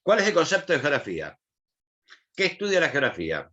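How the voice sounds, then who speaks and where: A man's voice: on the high side, wildly swooping pitch, fairly quick, a bit bright, highs cut off. A man with an Argentine accent teaching an online class, asking questions and explaining in a colloquial way. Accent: Argentine Spanish.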